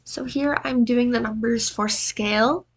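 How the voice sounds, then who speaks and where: A woman's voice: fairly high pitch, fairly even intonation, unhurried. A tired, exhausted-sounding woman with allergy congestion narrates a tutorial in a casual, self-deprecating way. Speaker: video editing tutorial presenter.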